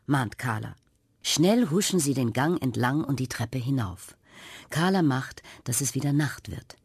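A woman narrating a children's radio story, with a gentle, expressive way of telling it. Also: a bass voice, slightly rough, no room sound.

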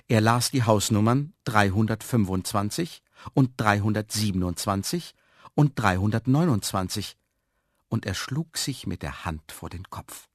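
A man reading a children's story aloud with expressive, lively storytelling. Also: lowish voice, no echo, studio quality. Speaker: narrator.

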